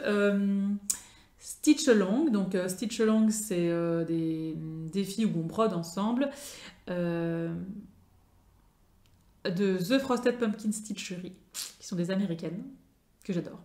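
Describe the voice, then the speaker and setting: French woman, casual vlogger, halting and filler-heavy, roomy echo. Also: mid-range voice, a little mellow. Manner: chatty, many fillers and restarts. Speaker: craft vlogger. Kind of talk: casual show-and-tell chat.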